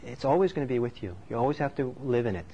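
A Norwegian meditation teacher's dharma talk comes across as thoughtful and conversational; his warm, mid-range voice is animated and fast. The recording sounds slightly dull, with faint noise behind it.

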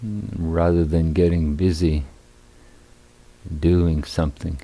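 At a meditation retreat center, a teacher with a very low, creaky voice guides a meditation. He speaks in short, deliberate, slightly hesitant phrases separated by long pauses. His tone is dark, mellow and flat.

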